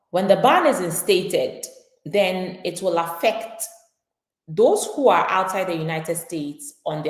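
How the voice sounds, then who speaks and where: A woman's voice: lowish voice, roomy sound. A woman immigration attorney explaining legal updates on a live stream, talking it through with frequent fillers and restarts.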